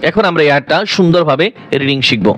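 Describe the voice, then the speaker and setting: A man teaching Quran reading, spelling out each syllable and reciting in a drawn-out chant. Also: on the high side, a bit bright.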